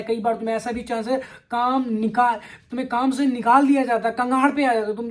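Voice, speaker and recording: A man's voice: extremely high pitch, a little mellow. A man hosting a relationship advice video, talking the listener down in a blunt, profane, scolding monologue and leaning on filler tag phrases. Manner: crude, profane, scolding lecture; repetitive, heavy use of filler tag phrases.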